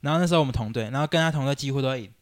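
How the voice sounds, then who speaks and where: Speaking very fast at a medium pitch, a young co-host on a podcast chats casually about basketball, griping animatedly and performing quotes. The sound is studio quality, without room sound.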